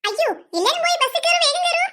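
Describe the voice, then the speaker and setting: A woman's voice: very high-pitched, animated, rapid-fire, bright, forceful tone, pitched above the performer's own voice, exaggerated voice. A woman voicing a caring, motherly schoolteacher in a cartoon, fussing over the children. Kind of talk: cartoon voice acting.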